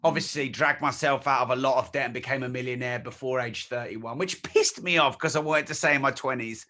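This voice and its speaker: Bright, emphatic man in his forties. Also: mid-range voice, a little fast. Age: 40s. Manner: emphatic, blunt, swears freely. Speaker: interview guest. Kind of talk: candid conversational interview.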